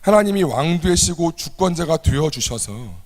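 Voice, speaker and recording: A man's voice: fairly high pitch, expressive, normal speed, a little mellow, in a large hall. A man preaching a sermon to a youth service, acting out quoted lines with a raised voice. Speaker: youth ministry pastor. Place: church.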